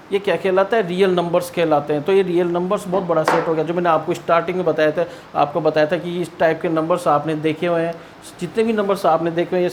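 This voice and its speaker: With a high voice, an Indian man gives an explanatory maths lesson, raising questions himself, answering them, and repeating the main points. A little background noise can be heard.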